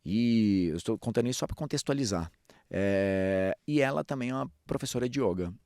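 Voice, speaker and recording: Man, low voice, storytelling podcast talk, dry close sound. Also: a little fast, no room sound. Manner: storytelling, animated swings in pitch and pace. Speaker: speaker and public-speaking coach. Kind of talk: podcast talk on public speaking.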